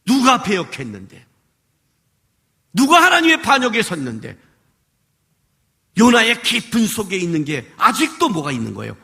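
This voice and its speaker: A male pastor preaching a sermon at a worship service. He swings from shouts down to hushed drops and acts out pleading prayers. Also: sits high.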